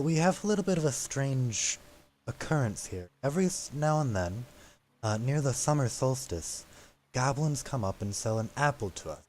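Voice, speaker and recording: A man voicing a plain village woman who gives directions in a matter-of-fact, slightly halting way. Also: mid-range voice, darkish tone, a little hiss or hum, close to an everyday voice. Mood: explaining.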